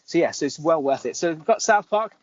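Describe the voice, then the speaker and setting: A man's voice: a little high, animated. Guy cohosting a chatty podcast, upbeat, laughs a lot, dull lo-fi sound. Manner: upbeat, prompting, quick to laugh. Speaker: podcast co-host. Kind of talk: casual chat. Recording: dull lo-fi with faint noise.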